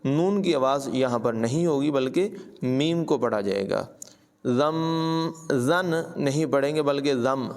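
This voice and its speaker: A man giving a tajweed lesson, chanting verses slowly and melodically, then explaining pronunciation rules in quick instructive speech. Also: mid-range voice, animated, darkish tone. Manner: alternates drawn-out melodic recitation with brisk instructive commentary. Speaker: Quran recitation teacher.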